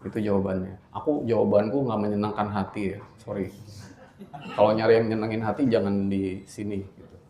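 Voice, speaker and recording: A man's voice: on the low side, fairly even intonation, warm tone. Blunt joking man. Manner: joking, blunt, slows down to stress points. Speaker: religious study speaker. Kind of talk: casual religious talk. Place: indoor study hall. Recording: roomy hall, faint ambience.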